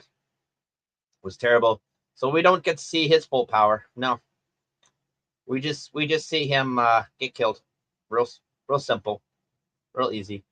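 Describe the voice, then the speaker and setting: A man's voice: mid-range voice, fairly bright tone, no echo. A man talking in a casual, rambling rant, full of fillers and restarts, as he reviews a film.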